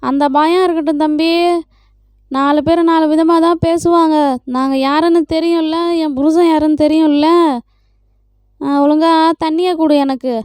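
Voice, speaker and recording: A woman's voice: high-pitched, fairly even intonation, moderate pace, long pauses, a little mellow, no room sound, clean studio sound, close to an everyday voice. A woman voicing an arrogant, bossy village woman who boasts and threatens, in a doll play. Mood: haughty.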